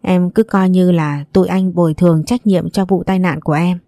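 A woman's voice: lowish voice, steady tone, normal speed, warm tone, no echo, studio quality, close to an everyday voice. A woman voicing an apologetic, caring young man who talks earnestly and reassuringly.

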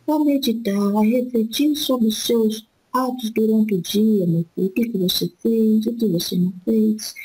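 A woman speaking as an elderly spirit guide in a spiritist session, giving gentle fatherly counsel and calling the listener "my son" after nearly every phrase. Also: fairly high pitch, slightly rough, poor audio. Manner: slow, repetitive, soothing advice.

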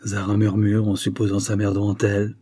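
Male audiobook narrator, grave and measured, low and husky. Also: completely flat delivery, dark tone. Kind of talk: scripted novel narration.

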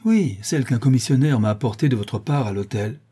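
A man's voice: medium pitch, brisk, warm tone, breathy edge, close to an everyday voice. A man reading aloud and voicing a flustered, bewildered male sidekick who answers in plaintive, defensive replies.

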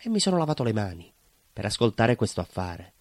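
A stage actor with a lowish, darkish voice performs a theatrical monologue as a nostalgic, naive, proud neighbourhood baker, using a southern Italian accent. He tells the story in a very animated, brisk, colloquial, rambling and emphatic way, and there's no room sound.

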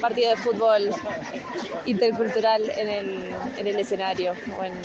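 A woman's voice: medium pitch, fairly even intonation, normal speed. A woman in her thirties from Argentina with an Argentine accent, sharing reflective impressions at an outdoor community gathering. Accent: Argentine Spanish. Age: 30s. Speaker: event participant. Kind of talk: vox-pop interview. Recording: lo-fi outdoor field recording with loud crowd.

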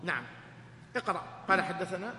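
A man's voice: high-pitched, brisk, pushed and bright. A man teaching a lesson in a mosque study circle, correcting his reader and joking with the students. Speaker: sheikh teaching hadith. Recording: echoey hall, faint hum.

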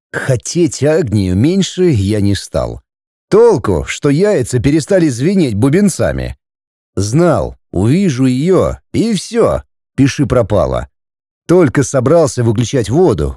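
A man's voice: mid-range voice, dark tone, no room sound, studio quality. Man reading an audiobook with drama. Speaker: audiobook narrator. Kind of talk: first-person audiobook narration.

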